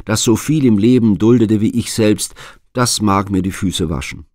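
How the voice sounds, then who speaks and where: A man reading the lines of a stern hero disguised as a beggar, in a guarded, hushed way. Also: fairly low pitch, moderate pace, no echo, clean studio sound, close to an everyday voice.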